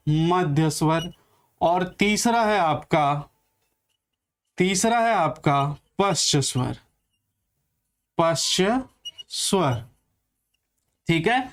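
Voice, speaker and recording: A man teaching a classroom grammar lesson, slowly repeating key terms and asking then answering his own questions while he writes on a board. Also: high voice.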